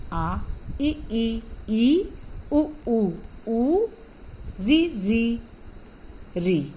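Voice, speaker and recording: A woman's voice: on the high side, slight background noise, low-quality recording. A woman teacher explaining a grammar lesson patiently, asking the class questions and repeating the sounds.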